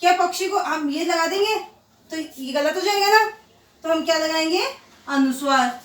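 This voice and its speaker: A woman teacher giving a grammar lesson to children, slowly repeating example words and answering her own questions. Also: very high voice, fairly bright tone, recorded from a distance. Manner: slow, drawn-out repetition of example words; asks questions and answers them herself. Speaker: school teacher. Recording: echoey room, voice set back from the mic.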